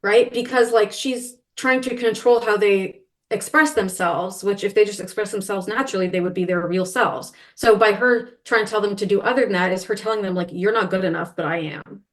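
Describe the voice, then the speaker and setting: A woman's voice: mid-range voice, a little fast, hardly any pauses. Chatty woman podcast co-host. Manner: animated, quotes characters in brief asides. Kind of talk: casual book discussion.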